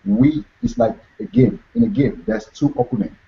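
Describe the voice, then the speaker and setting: A young adult man from Cameroon, a guest author, gives a motivational interview, talking earnestly and repeating his key phrases. His voice is high and gravelly with huge pitch swings at a normal speed. The lo-fi recording sounds dull.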